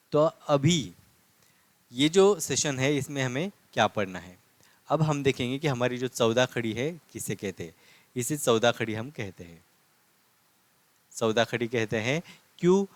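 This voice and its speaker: A man's voice: medium pitch, dry recording. A man teaching a language lesson, patiently repeating points and answering his own questions. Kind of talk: classroom lesson explaining script.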